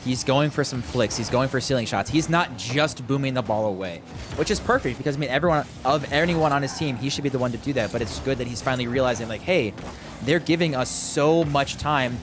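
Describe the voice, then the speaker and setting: A young man calling an esports match play-by-play, quick and excited, talking to the chat. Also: medium pitch, music in the background. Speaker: esports caster.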